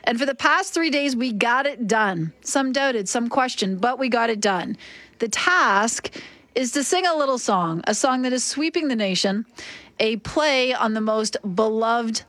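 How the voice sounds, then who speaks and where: Casting: morning radio host, upbeat and emphatic woman, bright higher voice, dry studio sound. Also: animated, no echo. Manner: upbeat, emphatic, quick to repeat words. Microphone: studio microphone.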